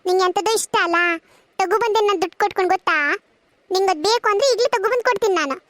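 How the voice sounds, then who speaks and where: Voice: very high-pitched, racing, a bit bright, no echo. Gunda, a performer's chatty cartoon schoolboy. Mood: coaxing. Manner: chatty, coaxing, keeps asking questions. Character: Gunda, lively teasing schoolboy friend. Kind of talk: cartoon voice acting.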